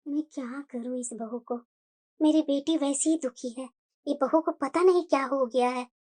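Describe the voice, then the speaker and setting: A woman's voice: extremely high pitch, fairly quick, fairly bright tone, faint music behind. A woman voicing a worried, weary middle-aged mother in a Hindi cartoon. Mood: fretful.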